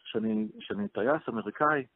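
A man, a rabbi, telling a long story on a radio show, hesitant, with many fillers and restarts. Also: on the low side. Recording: tinny phone-line radio audio.

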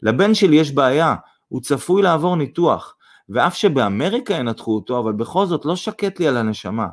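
A man voicing a talkative, excitable middle-aged mother who exclaims as she speaks. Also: fairly high pitch, voice pushed up.

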